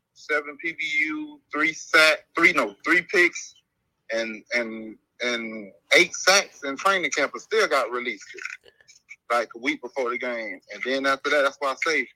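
A young man heard through a phone on speakerphone, held up to a microphone. His voice is sharp and very bright, with a dry sound. He rambles casually through his story, linking each event with "and then after that.". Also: mid-range voice, no echo. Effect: phone call played over speakerphone held to the mic. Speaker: guest football player.

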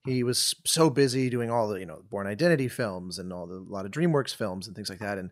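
A man hosting a casual interview with a fellow composer, joking and trading quick banter. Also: on the low side, lively intonation, dry recording, studio quality.

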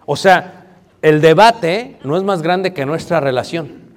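A pastor with a fairly high voice and lively intonation delivers a marriage sermon at a slow pace. He keeps it conversational and playful, putting questions to the audience, while the hall adds a long reverb.

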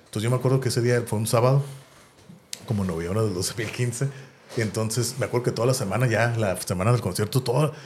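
A man's voice: lowish voice, fast talker, a little mellow, slight background noise. A man with a Mexican accent in a casual podcast chat, animatedly telling a long anecdote and tagging his phrases with "¿no?".

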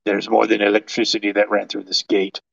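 A man voicing a menacing werewolf caretaker in a low, guttural voice with a put-on British accent. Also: completely flat delivery, quick pace, vocal fry, fairly bright tone, dull audio, exaggerated voice. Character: menacing male werewolf caretaker, cold and threatening.

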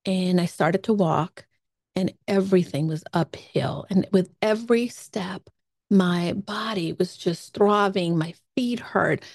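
A woman podcast host telling a personal travel story in a lively way, acting out her own thoughts as quotes. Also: fairly low pitch, slow pace, no echo, studio quality.

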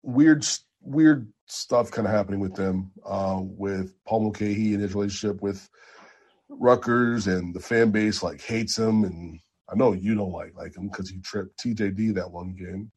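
A man co-hosting a podcast, chatting casually about basketball transfers with animated jumps in excitement. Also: on the low side, moderate pace, slightly rough. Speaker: podcast co-host. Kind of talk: casual sports chat.

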